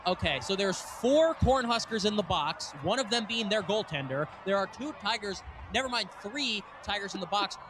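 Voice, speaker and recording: A man with a high voice calls live hockey play-by-play, excitable and quick to laugh. The recording is a noisy arena broadcast with the rink clearly heard behind him. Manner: excitable, laughs often, thinks aloud. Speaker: play-by-play commentator. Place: ice arena broadcast booth.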